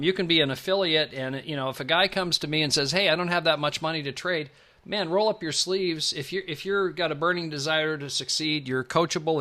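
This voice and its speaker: A man's voice: a little high, pushed and bright. A man hosting a live online presentation on a video call, chatty and enthusiastic, rambling with fillers. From Pacific Northwest United States. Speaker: webinar host.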